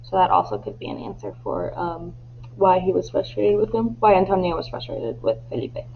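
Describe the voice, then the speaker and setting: A woman's voice: lowish voice, very animated, normal speed, creaky. A woman teacher reading a story aloud and explaining it with patient fillers. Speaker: Spanish teacher. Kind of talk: recorded classroom lesson reading. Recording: tinny phone-like line with faint hum.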